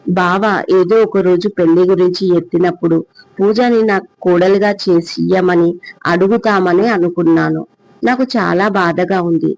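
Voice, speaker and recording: A man's voice: sits high, fairly even intonation, moderate pace, gravelly, darkish tone, dry recording. A storyteller voicing a middle-aged father who sadly and earnestly questions his son, on a dull, dry recording.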